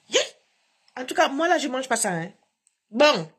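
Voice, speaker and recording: A woman's voice: on the high side, husky. A woman hosting a casual live stream from home on her phone, talking in a combative, emphatic way with frequent laughs.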